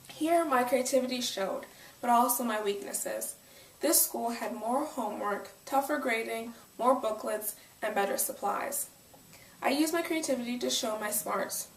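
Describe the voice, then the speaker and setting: A woman in her twenties from the United States, with an American accent, gives a prepared autobiographical speech as a speaker and self-published author. Her voice is on the high side and a little slow. The room is echoey, the microphone distant, with a little hiss or hum.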